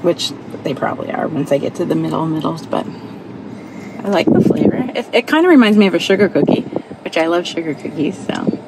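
A woman's voice: low voice, animated, a little fast. A woman in her forties hosting a casual taste-test vlog from a parked car, chatty and explaining as she goes. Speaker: vlog host. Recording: noisy car interior.

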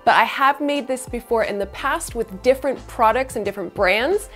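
A woman in her thirties hosting a bubble tea recipe tutorial, explaining each step in a bright, upbeat way on a studio kitchen set with a lapel mic. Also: on the high side, moderate pace. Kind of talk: scripted cooking tutorial. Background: soft background music.

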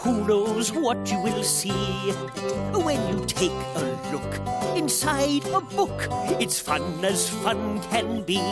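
A woman voicing a kindly, cheerful male mole who reads stories and sings to children in a puppet show. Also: a little high. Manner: warm sing-song reading, chuckling.

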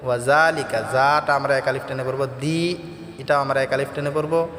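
A man teaching recitation, alternating slow melodic chanting with quick spoken explanations of pronunciation. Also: mid-range voice, fairly even intonation. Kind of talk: Quran recitation lesson with chanted verses. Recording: echoey reverberant room with soft music.

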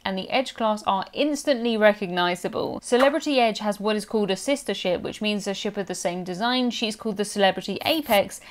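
A British woman in her thirties narrating a cruise travel vlog in a chatty, enthusiastic, matter-of-fact voice-over. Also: mid-range voice. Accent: British English. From Britain. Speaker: cruise vlogger.

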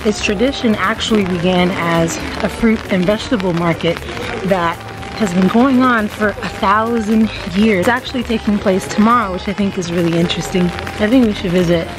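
A woman's voice: medium pitch, normal speed, music in the background. A young woman talking to a handheld camera in a casual travel vlog, chatty and upbeat, laughing often. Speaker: travel vlogger. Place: outdoors on rainy city streets and inside a hostel. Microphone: handheld camera at arm's length.

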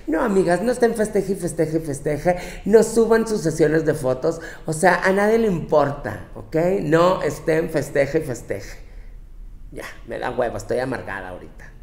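A man's voice: on the high side, animated, moderate pace, creaky, a little mellow. A man voicing a bossy young Mexican woman with a Mexican accent, lecturing her girlfriends in a profane, scolding comic monologue. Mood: sassy ranting. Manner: brash, profane, scolding, with mocking quoted voices. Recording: roomy, echoey room.

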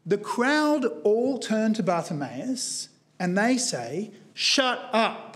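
A man with a high voice delivers a sermon in a church. He speaks earnestly and with emphasis. He retells a story with a shifting pace. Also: very animated, takes it slowly. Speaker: guest preacher.

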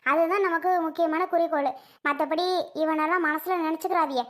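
Woman doing a bossy wife telling hubby off, really high voice. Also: steady tone, a bit bright. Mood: scolding. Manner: brisk, scolding. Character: practical, scolding middle-aged wife. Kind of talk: home-made family drama skit.

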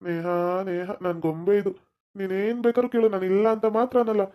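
Someone doing a fast-talking fawning husband, dull lo-fi sound. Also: medium pitch, natural voice. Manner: fawning, flattering. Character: doting middle-aged husband, stingy with his daughter.

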